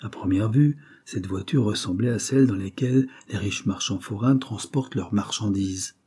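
A man reading a novel aloud in steady, even narration. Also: lowish voice, moderate pace, breathy edge. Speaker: audiobook narrator.

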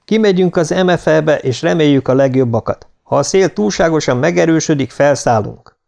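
A decisive female mission commander barks clipped orders through a storm, voiced by a male audiobook narrator. The voice sits high and tense, with a gravelly edge underneath. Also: darkish tone. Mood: urgent, commanding.

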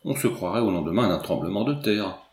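A man's voice: low voice, expressive, brisk, echoey room. A man voicing a small, fat, fussy landowner who laments and coaxes theatrically, in a storybook reading. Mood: lamenting.

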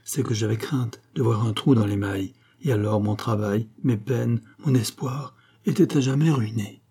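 A man's voice: mid-range voice, normal speed, warm tone, breathy edge. A man reading aloud, voicing a queen who pleads anxiously with her husband. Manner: pleading, rising to cries. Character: anxious impassioned queen, woman.

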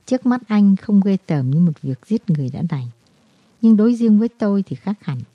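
Storybook figure: broken, guilt-ridden man, halting confessions, read by a woman in a dry, dull take. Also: mid-range voice, lively intonation, no room sound, lightly acted. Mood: despairing.

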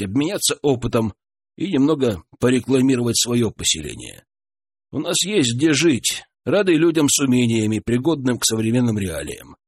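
Brief: man reading a polite, curious traveller, husky and animated. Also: mid-range voice. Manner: calm, polite, explaining.

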